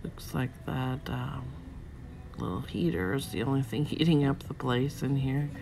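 Woman thrift vlogger, low gravelly voice, unhurried, soft marveling asides, phone mic in a cluttered shop with faint hum. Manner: softly marveling, drops to whispers. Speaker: vlogger and reseller. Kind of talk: casual shop-along narration. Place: cluttered indoor antique store.

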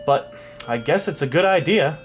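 A reader voicing an excitable storybook king who exclaims loudly. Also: normal speed, faint music behind, close to an everyday voice. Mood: excited. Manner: exclaiming, loud and high. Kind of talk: storybook read-aloud.

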